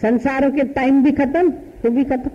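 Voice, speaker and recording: A woman's voice: high voice, steady tone, normal speed, muffled recording. A woman spiritual teacher giving a satsang sermon, telling a story in short, repetitive, folksy phrases.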